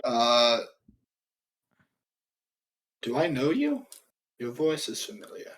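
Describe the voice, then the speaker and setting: A man's voice: mid-range voice, sing-song, slow pace, fairly bright tone, poor audio. A man chatting casually as a player in a tabletop fantasy game.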